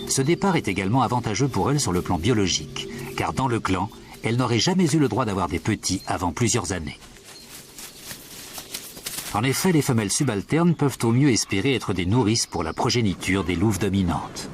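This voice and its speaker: A man narrating a scripted nature documentary in a measured, storytelling manner. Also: fairly low pitch, expressive. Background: prominent music.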